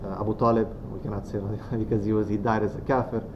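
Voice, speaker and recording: Speaking softly and without hurry, a guest speaker from Romania addresses students on the subject of faith, his voice fairly low and broken by many pauses and fillers. The venue mic captures him in muffled lo-fi audio over a constant hum of noise.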